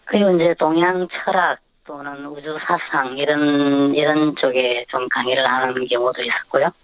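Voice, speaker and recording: An anonymous radio interview guest whose voice is disguised with a voice changer, giving halting, measured, careful answers. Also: mid-range voice, fairly even intonation, no echo. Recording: dull lo-fi disguised line.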